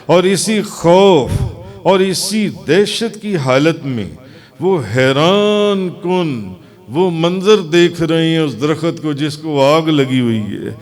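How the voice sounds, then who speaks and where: Dramatic Pakistani preacher, fairly high voice. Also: male voice. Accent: Pakistani Urdu. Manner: dramatic, drawn-out repetitions and chanted calls. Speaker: Sufi shaykh preacher. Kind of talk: storytelling sermon.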